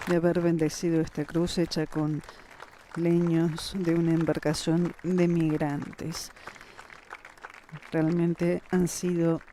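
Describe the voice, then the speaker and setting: A man's voice: fairly high pitch, level tone, slow pace, mellow, a faint crowd, slight background noise. A man giving live broadcast commentary on a religious ceremony.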